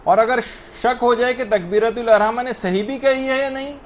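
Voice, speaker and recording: High-voiced man teaching prayer rules. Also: steady tone, slight background noise. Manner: explanatory, asks and answers questions himself; spells out correct pronunciation slowly. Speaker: religious teacher. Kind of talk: religious lesson on prayer rulings.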